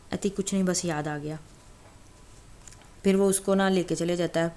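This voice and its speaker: Low, flat-voiced woman retelling a story. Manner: conversational, many fillers and restarts. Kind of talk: casual retelling of a novel.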